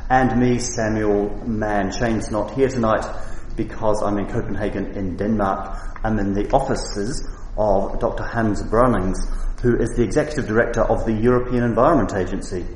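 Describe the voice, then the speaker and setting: A man's voice: lowish voice, fairly even intonation, moderate pace, hardly any pauses, a little mellow. A man hosting a radio interview, asking questions in a friendly, conversational way. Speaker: radio show host. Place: office. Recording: echoey room with faint noise.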